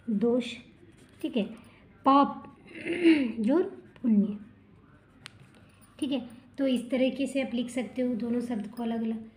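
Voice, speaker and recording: A woman's voice: high-pitched, mellow. A woman teacher explaining textbook answers step by step, asking rhetorical questions and answering them herself. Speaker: school teacher.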